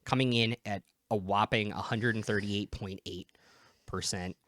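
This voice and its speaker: A man's voice: fairly low pitch, fairly even intonation, normal speed, a bit bright, no room sound, studio quality. A man in his thirties hosting a casual whiskey tasting, chatty and enthusiastic as he describes the flavors. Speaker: whiskey review host.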